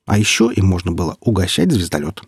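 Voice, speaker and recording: Deadpan, husky male audiobook narrator. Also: deep voice, quick pace, no room sound, studio quality. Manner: deadpan, mock-serious storytelling.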